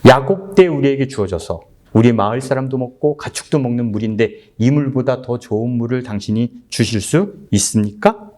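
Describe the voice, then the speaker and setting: A man's voice: mid-range voice, normal speed, a little mellow. A middle-aged male pastor giving a conversational sermon, retelling a Bible story in acted dialogue and putting questions to the congregation. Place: church sanctuary.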